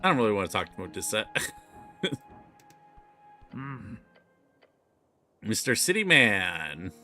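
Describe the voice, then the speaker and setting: A man streaming a story game, reading its text aloud with lively swings in pitch and pace. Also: takes it slowly, soft background music.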